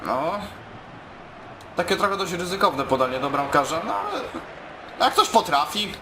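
Expressive and on the high side, this man's voice moves at a normal speed as he hosts a gaming video, muttering and exclaiming through casual play commentary. There's music underneath and a noisy background.

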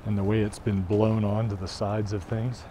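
Mellow and fairly low, the guide's voice has little pitch movement and a normal speed as he walks across snow-covered campus grounds, narrating casually and unsure of building names. Wind and traffic sounds come through the camera he carries.

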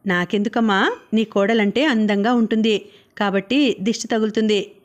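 A woman voicing an affectionate young husband in a storybook reading who speaks gently and teases playfully. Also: mid-range voice, moderate pace, lightly acted. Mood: teasing.

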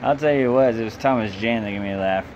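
Talking fast in a lowish voice, a drunk young man reviews a film for a casual video, loose, blunt and full of swearing. He records indoors in a small bedroom, and the lo-fi sound includes clear background hum and noise.

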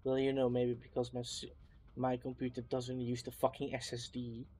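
A man's voice: medium pitch, completely flat delivery, moderate pace, mellow. A young man with a Dutch accent, chatting bluntly and swearing while playing an online game with friends. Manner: blunt, swears a lot, mock outrage. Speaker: gaming channel host. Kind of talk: casual gaming chat.

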